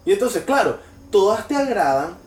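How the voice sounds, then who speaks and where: A young man, co-hosting a casual podcast in a crude, sarcastic, animated way. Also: high-pitched, normal speed, roomy sound, far from the mic. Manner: crude, sarcastic and animated, slips into mocking voices. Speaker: podcast co-host.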